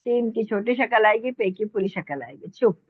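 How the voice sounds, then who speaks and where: A woman's voice: medium pitch, animated, no echo. Woman teacher, online call, patient and repetitive, dictation pace; tinny, dry line. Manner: patient, repeats words slowly for dictation. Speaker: Urdu teacher. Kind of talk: online language lesson.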